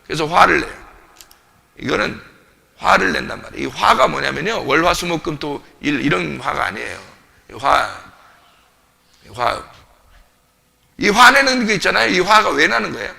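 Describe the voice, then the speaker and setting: A man's voice: a little high, animated, normal speed, creaky, pauses often, bright, forceful tone. A man preaching a sermon as pastor, emphatic, repeating short phrases and asking the congregation questions, recorded in a church. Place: church sanctuary.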